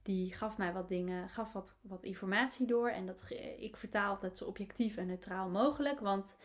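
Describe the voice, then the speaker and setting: A woman's voice: mid-range voice, normal speed. Woman, animal-coach podcast host; casual solo monologue with plenty of "ehm" and restarts. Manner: reflective, many fillers and restarts.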